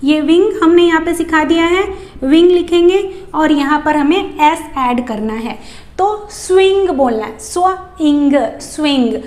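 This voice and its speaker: A woman teacher explaining phonics to parents, speaking in Hindi mixed with English and sounding out letters slowly. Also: very high voice, a little mellow, reverberant.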